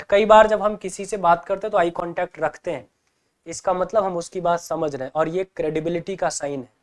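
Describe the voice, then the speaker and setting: A male teacher giving an exam-prep lecture, explaining with rhetorical questions and acting out everyday examples. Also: on the high side.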